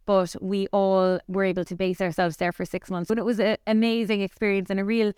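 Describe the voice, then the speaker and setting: This podcast guest, an Irish woman in her forties with a Cork accent, founded a company and speaks candidly about her career in a conversational interview. Her delivery is flat and a little fast, her medium-pitched voice darkish yet clean. The recording is dry and studio quality.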